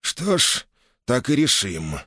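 A man's voice: medium pitch, sing-song, slow, bright, forceful tone, no echo, studio quality, pitched above the performer's own voice, exaggerated voice. A man voicing a stern, commanding older boyar who heads his clan. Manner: commanding, menacing.

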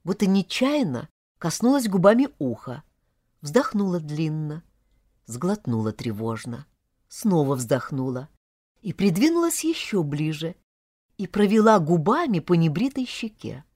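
A woman narrates an audiobook in an intimate, expressive manner. Her pitch moves in very wide swings. The sound is close and fully dry. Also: measured pace, slightly rough, no room sound.

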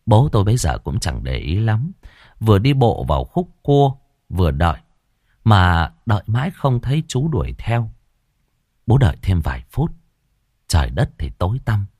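A man narrating a rural ghost story with an expressive, dramatic delivery. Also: fairly low pitch, normal speed, no echo, clean studio sound. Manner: expressive, rises and falls dramatically.

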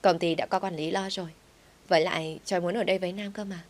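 A woman's voice: on the low side, steady tone, quick pace, lightly acted. A woman reading an audio story, voicing a clumsy, pampered young woman who runs a company, talking in a whiny, pleading way.

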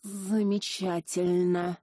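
A woman voicing a malevolent serpent-like demon that possesses a woman, speaking in a slow, drawn-out, hissing, menacing way. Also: lowish voice, flat delivery, mellow, no room sound, clean studio sound.

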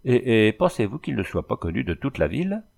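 A man voicing a gentle but bossy young woman nursing a patient, in an audiobook reading. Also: medium pitch, big pitch swings, fairly quick, creaky. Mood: coaxing, bossy. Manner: softly commanding, coaxing.

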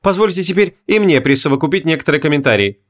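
Man reading a calm, courteous king. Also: a little high, natural voice. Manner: measured, polite, formal. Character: calm, courteous middle-aged male king.

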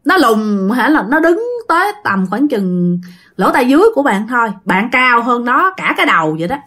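Chatting directly with her listeners, a woman relates a ghost story in a relaxed, conversational way. She speaks at a moderate pace in a sing-song voice that sits on the high side with a fairly bright tone.

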